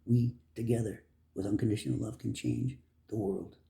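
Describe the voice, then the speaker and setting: A man giving an earnest motivational monologue, preachy and heartfelt, swinging between emphatic bursts and soft lines. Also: fairly low pitch, fairly even intonation, moderate pace, creaky. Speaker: motivational speaker.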